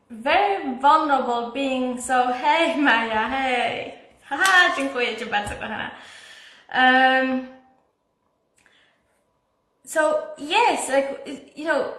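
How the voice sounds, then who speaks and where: Woman coach, high and bright, candid and emotional, casual vlog in an echoey room. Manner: candid, emotional, many fillers and restarts. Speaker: self-help coach. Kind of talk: casual personal vlog, talking to live viewers.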